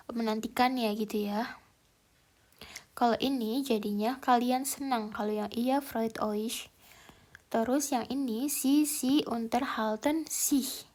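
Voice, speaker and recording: Woman tutor, fairly high voice, unhurried, thinks aloud, casual lesson delivery. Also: a little mellow. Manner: slow, hesitant, thinking aloud with fillers. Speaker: German language tutor.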